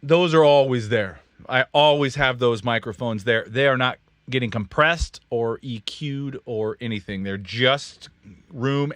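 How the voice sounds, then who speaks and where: A Midwestern studio owner from Kansas hosts a casual technical livestream in his control room, rambling, self-correcting and joking as he talks. His mid-pitched voice is a bit bright. The sound is close and dry with no echo.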